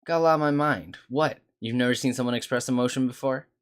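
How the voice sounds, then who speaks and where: A man's voice: medium pitch, lively intonation, quick pace, lightly acted. A man reading aloud the lines of a short-tempered young female technical consultant, snappish and complaining. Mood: grumpy. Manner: snappish, complaining, then apologetic. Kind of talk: reading game dialogue aloud.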